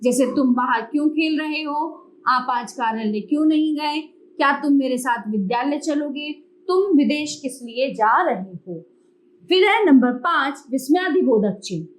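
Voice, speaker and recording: A woman's voice: high voice, animated, a little hiss or hum, rough recording. A woman teacher giving a grammar lesson to children, explaining with examples. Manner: addresses children warmly, explains slowly with examples.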